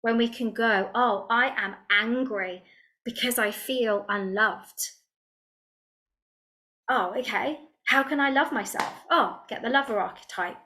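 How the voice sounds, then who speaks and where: A middle-aged woman coach teaching a casual online workshop, chatty and animated, with lots of fillers and frequent laughs. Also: on the high side, measured pace.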